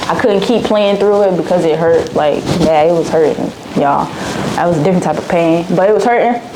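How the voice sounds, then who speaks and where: Young woman vlogger, low voice, chatty and slangy, answers viewer questions, steady hiss behind her. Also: fairly quick. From Dallas, Texas. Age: 20s. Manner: chatty, slangy, repeats herself. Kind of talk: casual Q&A vlog.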